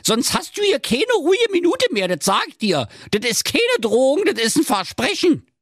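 A man's voice: extremely high pitch, huge pitch swings, normal speed, a bit bright, dry recording, clean studio sound, pitched above the performer's own voice, exaggerated voice. A man voicing a greedy, lazy wife who nags and insults her husband. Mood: threatening. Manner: bossy, insulting, crude. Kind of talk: comic fairy tale reading.

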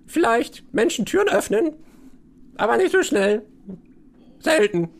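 A man voicing a hesitant talking rat in a tabletop game, speaking in halting, repeated short phrases. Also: very high-pitched, very animated, a little hiss or hum, voice pushed up, full character voice.

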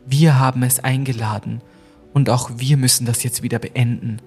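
A man's voice: mid-range voice, steady tone, moderate pace, a little mellow, faint music behind, natural voice. A man voicing a frightened young woman in a spooky story, pleading and tearful. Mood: determined.

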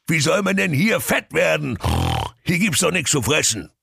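A man voicing a greedy, touchy male pig with a gravelly voice, in a comic audio fairy tale. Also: a little high, big pitch swings, normal speed, pushed and bright, dry recording, studio quality, pitched above the performer's own voice, exaggerated voice. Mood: whiny. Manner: whiny, sulky, sing-song.

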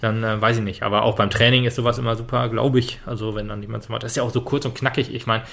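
A man's voice: mid-range voice, level tone, very fast, vocal fry, a bit bright. A man co-hosting a casual football podcast, talking hesitantly with many fillers and restarts. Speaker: podcast co-host.

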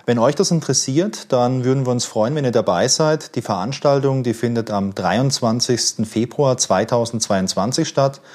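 A man's voice: medium pitch, normal speed, hardly any pauses, a little mellow. A man hosting a casual interview, asking friendly, curious questions with a few fillers. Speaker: host.

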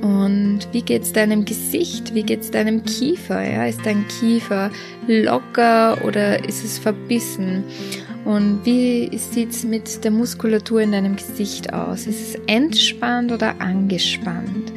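Woman meditation guide, soft and slow, gravelly fry, faint guitar bed. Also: mid-range voice, fairly even intonation. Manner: slow, soft, guiding body scan with questions. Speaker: podcast host and guide.

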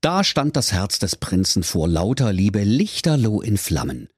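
A man's voice: lowish voice, big pitch swings, measured pace, breathy edge, dry recording, studio quality. A man narrating a comic radio fairy tale in a mock-solemn storytelling manner.

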